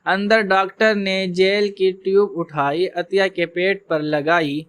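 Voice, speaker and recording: A man narrating an emotional story in a steady storytelling manner. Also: sits high, clear, resonant tone, dry recording.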